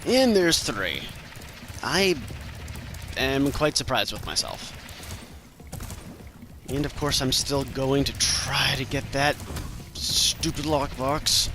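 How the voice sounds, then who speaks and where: A man's voice: medium pitch, expressive, slow, long pauses, pushed and bright, a little hiss or hum. A man giving casual, chatty, self-deprecating commentary as host of a video game walkthrough. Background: game music.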